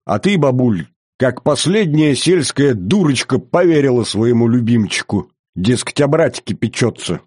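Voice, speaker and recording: A man's voice: mid-range voice, very animated, normal speed, a little mellow, husky, no room sound, clean studio sound, pitched above the performer's own voice. A man voicing a young prince who coldly and mockingly accuses his grandmother. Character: young prince, cold, scornful and hateful. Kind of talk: audiobook character voice.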